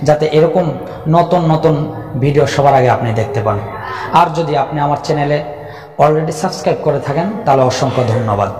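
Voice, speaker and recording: A man's voice: a little high, a little mellow. A man teaching the rules of Quran recitation, patiently repeating each rule and drilling syllables. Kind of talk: Quran reading lesson. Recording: echoey room with long reverb.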